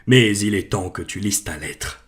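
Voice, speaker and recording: Hagrid, a gruff giant, voiced by a man. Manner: slow, heavy, booming when angry. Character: huge gruff half-giant gamekeeper, hot-tempered but kind.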